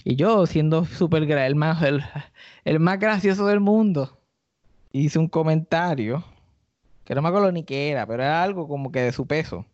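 Speaking at a normal speed, he narrates a funny story like the comic and podcaster he is, his Puerto Rican accent clear as he acts out quoted people in raised, high voices. The recording is dry and a bit dull, typical podcast audio.

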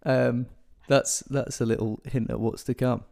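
A man co-hosting a casual podcast from a guest's home, chatty and jokey with quick asides. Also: medium pitch, steady tone, vocal fry, warm tone. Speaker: podcast co-host.

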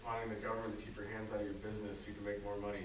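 Man in a class discussion, rapid talker, a distance from the mic in an echoey room. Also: on the low side, monotone, a little hiss or hum. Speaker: student. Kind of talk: casual classroom chat.

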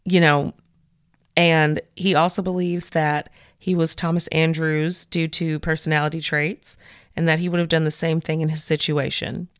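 A woman hosting a podcast, retelling a case in a chatty, animated way with many fillers. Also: sits low, moderate pace, clean tone, no echo, clean studio sound. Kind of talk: casual storytelling chat.

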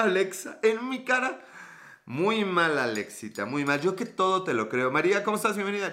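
His voice is fairly high, pushed and bright as this man with a Mexican accent chats on a live stream, welcoming viewers and reacting to their comments in crude slang.

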